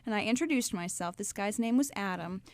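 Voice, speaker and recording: A young woman from Ohio telling her faith story to a live audience in a lively, chatty way. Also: medium pitch, a little fast, dry recording. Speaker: speaker telling her testimony.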